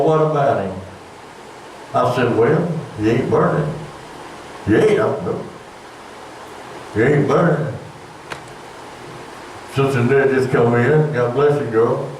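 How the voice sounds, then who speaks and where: An older preacher delivering a folksy, conversational sermon that swells into emphatic, raised passages. His voice sits at an ordinary pitch for a man. It is heard from a distance in a very echoey church room with a faint hum of room noise behind him. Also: darkish tone.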